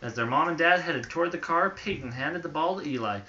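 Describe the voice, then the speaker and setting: Muffled and noisy, this home phone recording catches a father reading a bedtime picture book to a small child. He talks fairly quickly in a fairly high voice and stops to answer each time the child points at a picture.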